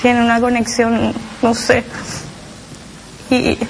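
A mother recounting her child's experience in halting, emotional personal testimony, with many restarts and tag questions. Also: a little high, monotone, gravelly, a little hiss or hum, low-quality recording.

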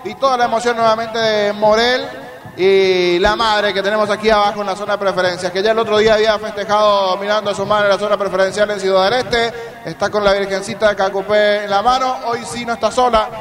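High-voiced Paraguayan man analysing live football. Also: steady tone, fairly quick, fairly bright tone. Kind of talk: live match commentary.

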